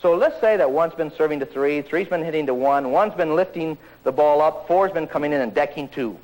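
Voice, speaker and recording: A man giving an energetic tennis lesson, joking and acting out players' voices. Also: a little high, a little fast, a little hiss or hum, rough recording. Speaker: tennis coach. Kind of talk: energetic tennis instruction talk.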